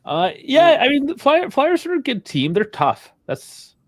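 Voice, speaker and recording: A man's voice: extremely high pitch, wildly swooping pitch, unhurried. A man hosting a sports call-in show, loose and laughing, swearing casually. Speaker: host.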